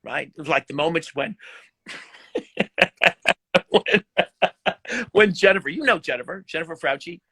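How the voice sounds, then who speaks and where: Animated, high-voiced man telling stories. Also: takes it slowly, long pauses, slightly rough, no echo. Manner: animated, laughing storyteller. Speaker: guest musician. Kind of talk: casual storytelling chat. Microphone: live video chat.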